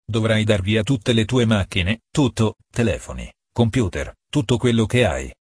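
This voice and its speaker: A man voicing a stern, resolute female being who issues threats, husky and low in a dry recording. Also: lively intonation, normal speed, no room sound.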